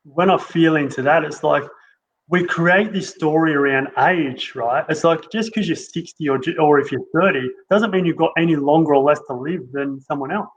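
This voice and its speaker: A man who hosts an interview speaks in a voice that sits a little high for a man. His sound is dull and lo-fi, with a faint hiss underneath. He agrees readily and muses out loud. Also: normal speed. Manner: agreeable, musing, often ends with "right?". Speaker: interview host. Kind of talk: conversational interview.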